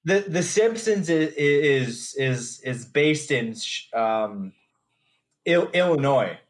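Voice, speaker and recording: Slow, hesitant man in his thirties. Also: fairly high pitch, expressive. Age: 30s. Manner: hesitant, with fillers and repeated words. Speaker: podcast co-host. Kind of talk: casual chat.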